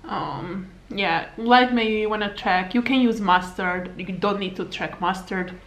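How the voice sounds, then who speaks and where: A Slovak woman in her thirties, a native Hungarian speaker with a Hungarian accent, talks casually to a camera sitting on a table at arm's length in her living room. She's a fitness coach, and her medium-pitched voice runs a little slow as she rambles with fillers and small laughs.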